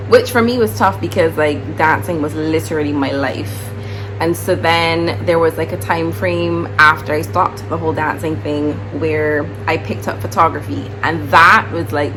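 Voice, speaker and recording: This is a young woman from Barbados, a teacher talking casually to her vlog audience. She rambles in an easy, chatty way with plenty of fillers, in a slightly low voice. The recording has a clear layer of noise behind her.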